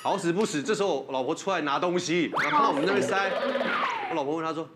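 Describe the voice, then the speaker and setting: A man's voice: fairly high pitch, very fast, loud music behind the voice. A man, a guest father on a parenting talk show, telling family stories in casual chat with frequent laughter. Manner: animated storytelling with laughs.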